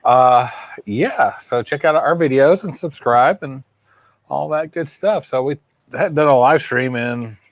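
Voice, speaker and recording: A man's voice: mid-range voice, a little slow, no echo, poor audio. A man co-hosting a casual live stream from his front porch, easygoing and rambling with many fillers. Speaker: co-host of an RV travel channel. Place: outdoors on a home front porch.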